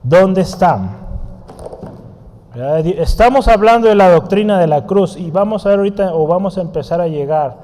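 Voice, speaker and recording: Man, preacher, teaching sermon, mellow raised voice, quizzes the congregation, long hall reverb. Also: sits high, fast talker, hardly any pauses. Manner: conversational, asks the congregation questions; writes on a board while teaching. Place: church hall.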